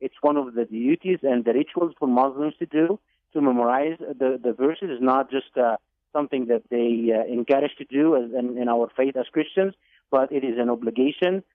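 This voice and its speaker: A man's voice: medium pitch, no echo. Man from Egypt on a tinny phone line. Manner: deliberate, with repeated words and fillers. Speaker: guest. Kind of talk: telling his life story on a radio call-in. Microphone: telephone.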